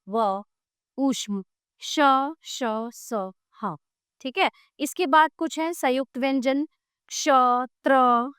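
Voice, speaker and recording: Brief: woman teacher reading a lesson slowly, fairly high voice, close and dry. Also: a bit bright, clear, resonant tone, dry recording. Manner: slow, deliberate listing of letters with classroom asides. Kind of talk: reading a grammar lesson aloud.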